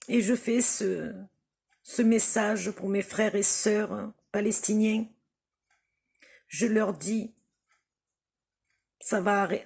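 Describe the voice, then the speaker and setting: Slow, husky Algerian-born woman. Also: mid-range voice, darkish tone. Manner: slow, emphatic, repeats phrases for stress. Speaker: vlogger addressing viewers. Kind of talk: impassioned spoken appeal to camera.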